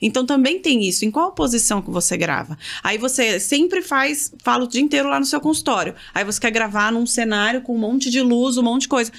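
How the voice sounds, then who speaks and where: A woman talking in a casual podcast conversation, giving brisk, emphatic advice on speaking and recording. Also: a little high, a bit bright. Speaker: communication mentor, podcast guest.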